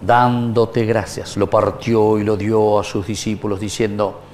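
Slight background noise accompanies a man praying as a priest at Mass, his voice on the low side, level and a little mellow. He is solemn, measured and formal, recorded by lapel mic in a small wood-panelled chapel indoors.

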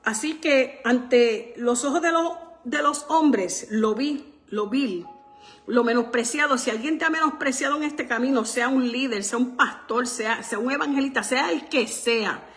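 A woman's voice: high-pitched, a little slow, a bit bright, soft background music. Fervent woman preaching on the radio. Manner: fervent, repeats "bendito sea el Señor" often; asks the listeners "¿verdad?" and addresses them directly. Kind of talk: radio sermon.

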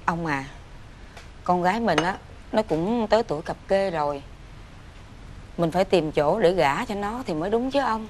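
A woman's voice: lowish voice, animated, moderate pace, long pauses, darkish tone, slight background noise, close to an everyday voice. An actress with a Southern Vietnamese accent playing a worried, middle-aged rich mother in a cartoon fairy tale. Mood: coaxing. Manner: coaxing, then frantic wailing. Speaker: voice actor. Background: music.

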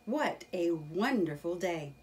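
A woman voicing a timid, wide-eyed young male mole in a children's storybook reading, with a high squealing character voice. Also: lively intonation, slow pace, a little mellow, distant mic, slight background noise. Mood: wide-eyed, eager.

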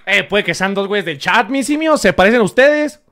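Loud high-voiced Mexican streamer. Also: male voice, lively intonation, a little fast, over a noisy crowd, heavy background noise. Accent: Mexican Spanish. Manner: loud, crude, laughing often. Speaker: streamer reacting to clips. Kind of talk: casual live-stream reaction.

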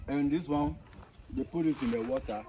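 Brief: male tour guide, mid-pitched, plain explaining voice, outdoor noise around him. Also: normal speed. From Ghana. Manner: simple explanatory phrasing, repeats himself. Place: outdoors on a farm.

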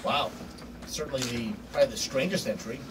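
A man's voice: mid-range voice, a little fast, recorded from a distance, very noisy. A man hosting a morning radio show, brash and teasing, often laughing as he talks.

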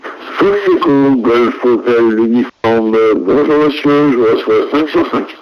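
A man's voice: medium pitch, takes it slowly. A man working as an air traffic controller in a flight sim, speaking in radio phraseology over a headset radio channel, hesitant with frequent fillers. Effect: heard over a headset radio channel. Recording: dull, muffled radio audio with faint hiss.

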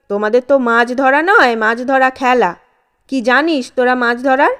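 A woman voicing a grumpy old village fisherman who scolds noisy boys in a loud, stern, gruff way. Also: a little high, close to an everyday voice.

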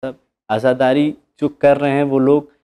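A man's voice: mid-range voice, flat delivery, a little slow, dark tone, clear, resonant tone. A man asking a cleric questions in an interview, polite and deferential. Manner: polite, deferential, agrees with frequent "ji". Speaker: guest questioner.

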